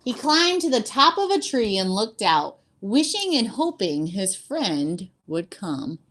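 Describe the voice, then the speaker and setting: A woman reading a storybook aloud to children as a teacher, with an expressive, deliberate storytelling delivery. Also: mid-range voice.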